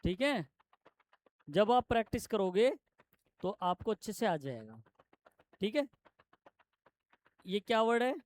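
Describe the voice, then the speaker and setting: Guy teaching shorthand in a classroom, clear smooth voice, keeps firing questions at the students. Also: high voice, big pitch swings. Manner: explains step by step, quizzing students with quick questions. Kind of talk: classroom lesson.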